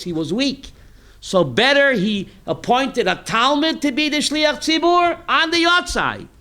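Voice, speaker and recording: A rabbi with a high, bright voice quizzes his class during a Torah sermon. He reads Hebrew text, translates it, and fires animated, emphatic rhetorical questions at his listeners.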